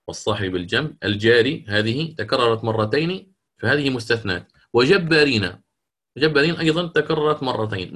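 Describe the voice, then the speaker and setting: A man's voice: medium pitch, fairly bright tone. A man teaching Quran recitation rules in a lecture, explaining step by step, asking his students questions and chanting the verses he quotes.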